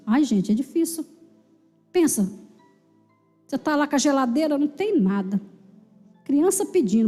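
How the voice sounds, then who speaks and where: A Brazilian Portuguese-accented woman pastor preaches with emphatic repetition, her high but mellow voice carrying through a reverberant church hall. Soft music runs beneath her words. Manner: emphatic preaching with repeated phrases and calls of amen. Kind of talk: sermon. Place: church sanctuary.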